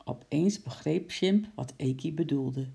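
A narrator reading a children's story aloud in a lively, expressive way, voicing sound effects. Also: mid-range voice, measured pace, gravelly, breathy edge.

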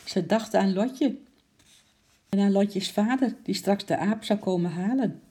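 A storyteller reading a children's story aloud in a calm, steady narration. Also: medium pitch, a little slow, breathy edge.

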